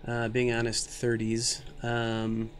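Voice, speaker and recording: A man of thirty talks through a game stream in a mid-pitched voice, rambling and self-mocking as he jokes with his chat. He sounds tired and a bit loopy from too little sleep and too much caffeine, and a faint hum of room noise sits behind him. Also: completely flat delivery, slow pace. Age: 30s. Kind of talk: casual live-stream commentary.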